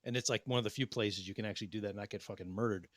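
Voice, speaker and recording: A man's voice: lowish voice, fairly even intonation, very fast, fairly bright tone, no echo. A man hosting a podcast in casual banter, rambling with restarts and crude jokes. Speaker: podcast host.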